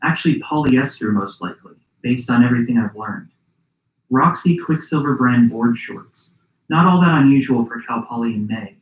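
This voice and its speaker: A man hosting and narrating a documentary podcast in a measured, reflective scripted style. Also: medium pitch, roomy sound, low-quality recording.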